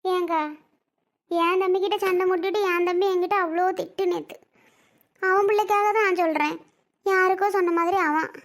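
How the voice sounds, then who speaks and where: A woman's voice: very high voice, steady tone, moderate pace, long pauses. A woman playing a tearful, hurt sister-in-law in a family drama skit, pleading and asking the same questions over and over. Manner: pleading, repetitive complaining questions.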